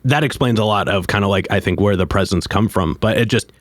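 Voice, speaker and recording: Podcast host dude, eager, lots of "like" and "um", dry sound. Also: male voice, lowish voice, fast, no room sound. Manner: enthusiastic, filler-heavy, searching for words. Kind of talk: casual interview chat.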